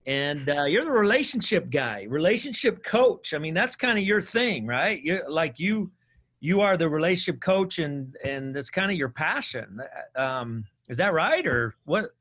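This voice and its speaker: A man's voice: a little high, big pitch swings, measured pace, fairly bright tone. A man hosting a podcast, enthusiastic and chatty, rambling a little with restarts. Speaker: podcast host. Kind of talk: casual interview hosting.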